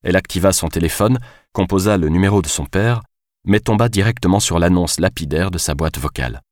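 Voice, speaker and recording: A man narrating a novel as an audiobook in a measured, even way. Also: deep voice, no room sound, studio quality.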